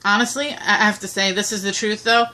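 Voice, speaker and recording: A woman's voice: mid-range voice, steady tone, brisk, sharp tone. A woman in her thirties chatting casually, rambling with many fillers and restarts as she answers questions. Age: 30s. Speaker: co-host. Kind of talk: casual chat.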